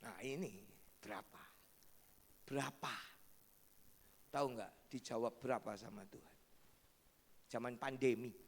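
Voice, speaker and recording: A man preaching a sermon as pastor, animated and storytelling, acting out family members' voices. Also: medium pitch, unhurried, long pauses, slightly rough. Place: large church hall. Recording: long church hall reverb.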